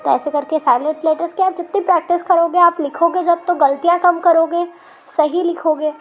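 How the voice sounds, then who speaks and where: A woman teacher explaining English spelling to children, patiently repeating words slowly. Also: very high voice, fairly even intonation, poor audio.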